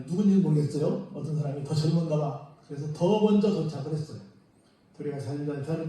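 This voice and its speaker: A man's voice: on the high side, warm tone. A man preaching a sermon as pastor, retelling the story with acted-out quotes and questions to the congregation. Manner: storytelling, acting out the disciples and Mary in quoted speech; asks the congregation frequent rhetorical questions. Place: church sanctuary. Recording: very echoey church room, mic at a distance.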